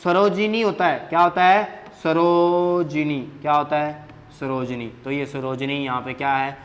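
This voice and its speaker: A man's voice: mid-range voice, steady tone, fairly quick, a bit bright. A man teaching Hindi grammar at a board, asking questions and answering them himself, repeating key words with emphasis, in an echoey classroom.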